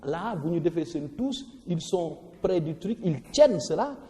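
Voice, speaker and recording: A man explains verse rhythm like a teacher at the board, leaning hard on stressed syllables and often restarting words. His voice is mellow and dark. It sits in a room with a long reverb tail. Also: fairly high pitch, big pitch swings, a little slow. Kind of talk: explaining a poetry lesson.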